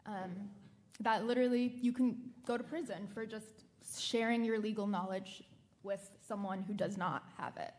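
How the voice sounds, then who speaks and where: Measured woman explaining on a panel. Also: mid-range voice, steady tone, a little mellow. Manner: measured, explanatory, some fillers. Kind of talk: panel discussion.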